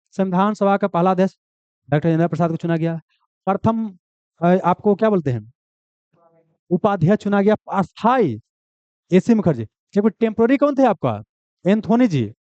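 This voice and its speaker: A man's voice: sits high, expressive, normal speed, pauses often, a little mellow, no echo. A man teaching an exam coaching class, repeating key answers and asking and answering his own questions. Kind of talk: classroom lecture. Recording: dull, dry, lo-fi sound.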